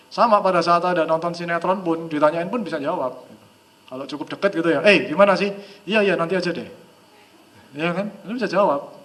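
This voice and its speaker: A man giving a live training seminar, his voice bright and slightly high. He talks in a lively, chatty way and sometimes drops to a low, soft voice to demonstrate. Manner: lively, chatty, acts out quoted dialogue. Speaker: hypnosis trainer.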